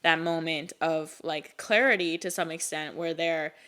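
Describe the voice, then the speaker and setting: Young female co-host, casual podcast chat, rambling, lots of "like" and "um", a little low. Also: fairly even intonation, measured pace, a bit bright, smooth. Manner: rambling, filler-heavy, laughs often.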